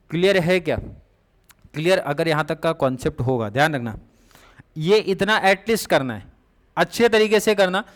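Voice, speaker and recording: A young male teacher talks through exam revision in a relaxed, chatty way, stopping often to check that his students are following. His voice sits a little high for a man. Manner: casual, repeatedly checks understanding with students.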